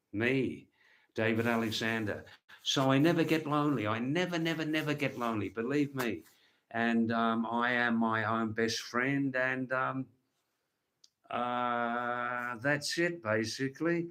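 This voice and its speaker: A livestream host with a mid-range, slightly bright voice chats casually to his viewers, rambling and repeating words and phrases for emphasis.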